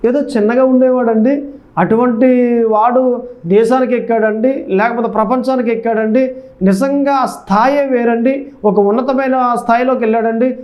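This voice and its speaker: A male pastor preaching a sermon who keeps asking the congregation questions and stresses points by repeating them. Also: extremely high pitch. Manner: questioning the congregation, repetitive emphasis. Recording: dull lo-fi recording.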